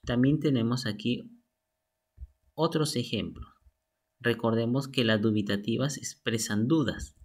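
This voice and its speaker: A man teaching a lesson from slides, methodical and reading examples aloud. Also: mid-range voice. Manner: slow, methodical, reads out examples. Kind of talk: slide lesson on sentence types.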